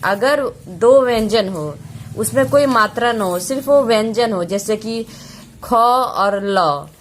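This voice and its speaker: Woman teacher, fairly high voice, patient, spells out letters one by one. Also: lively intonation, slight background noise. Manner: patient, repeats each point slowly, spells out letters. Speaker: English teacher. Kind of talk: explaining pronunciation rules.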